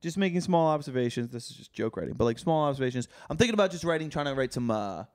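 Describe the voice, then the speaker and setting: Young male co-host, middle-pitched, teasing and profane, dry close sound. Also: expressive, racing, a little mellow, no room sound. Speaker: podcast co-host. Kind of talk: casual chat.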